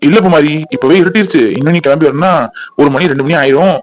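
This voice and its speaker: A man's voice: fairly high pitch, fast talker, lightly acted, low-quality recording. A man voicing a cheerful new father sharing the news with his family in a cartoon. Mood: beaming. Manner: beaming, cheerful. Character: proud new father, warm older brother.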